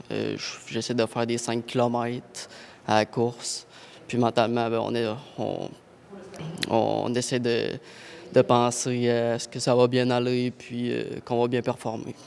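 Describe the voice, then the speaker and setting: A man, an amateur boxer answering simply and haltingly. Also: mid-range voice, completely flat delivery, vocal fry, a little mellow, slight background noise.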